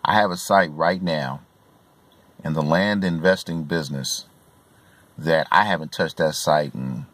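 A man's voice: a bass voice, a bit bright. A man in his forties giving earnest coaching advice from inside a car, filmed on a phone camera at arm's length, with many fillers and restarts. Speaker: real estate investor giving tips. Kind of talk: casual advice vlog. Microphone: phone camera at arm's length, filmed from below.

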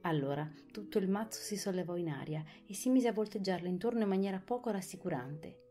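A woman narrating an audiobook of a children's classic, expressive and clear. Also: mid-range voice, a little fast, soft background music.

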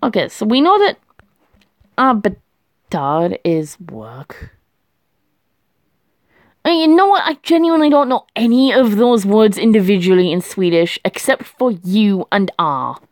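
Slow, animated woman thinking aloud. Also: mid-range voice, dry recording, studio quality. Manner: chatty, talks to herself, laughs often. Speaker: vlogger. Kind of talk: casual thinking aloud while doing a language quiz.

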